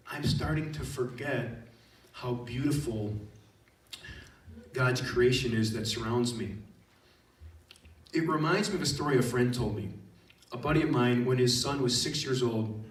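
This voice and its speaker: A man speaks at a student retreat as their theology teacher, telling stories with animation and turning to the students in the room. His voice sits at an ordinary pitch. The room rings around him, and he sounds a little distant from the mic. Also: roomy sound. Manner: storytelling, animated, addresses audience directly. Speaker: high school theology teacher.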